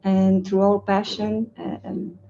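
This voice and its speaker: A woman's voice: medium pitch, completely flat delivery, takes it slowly, dark tone, lo-fi sound, a little hiss or hum. A young woman from Romania giving a casual talk at a community meetup, hesitant with many fillers and frequent laughs, recorded from a far camera in a large indoor room. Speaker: community speaker.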